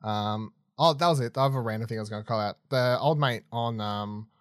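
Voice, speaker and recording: A man hosting a casual podcast chat, animated and quick to laugh. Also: mid-range voice, no room sound, clean studio sound. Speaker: podcast host.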